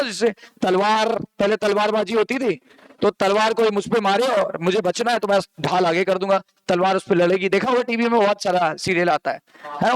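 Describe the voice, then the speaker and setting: A young adult man gives a biology class in a high, clear voice. He keeps quizzing the students and answering his own questions, and he repeats key terms often. The sound is close and dry. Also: no echo, poor audio. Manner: explains with everyday comparisons and repetition. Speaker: biology teacher. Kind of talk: classroom lecture.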